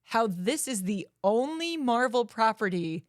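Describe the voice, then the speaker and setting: A woman co-hosting a podcast in a casual chat, animated and quick to giggle. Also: a little high, no echo, studio quality. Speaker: podcast co-host.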